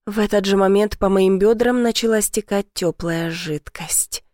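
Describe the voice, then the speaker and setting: A woman narrating a first-person romance novel in an intimate, measured reading. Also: mid-range voice, darkish tone, no echo, clean studio sound. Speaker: audiobook narrator.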